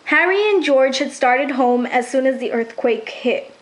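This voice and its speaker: A woman narrating a children's story in an even, clear reading voice. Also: sits high, unhurried, a little hiss or hum, poor audio.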